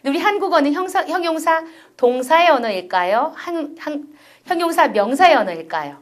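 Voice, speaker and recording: A woman's voice: high voice, animated, fairly quick. A middle-aged woman giving a recorded university lecture, explaining step by step and often asking her listeners rhetorical questions.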